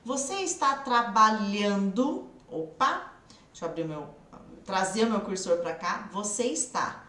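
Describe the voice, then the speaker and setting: A woman's voice: mid-range voice, animated, unhurried, bright, forceful tone, roomy sound, recorded from a distance. A woman with a São Paulo countryside Brazilian accent teaching an online English lesson, coaxing students with drill questions. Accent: São Paulo countryside Brazilian Portuguese. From interior of São Paulo state, Brazil.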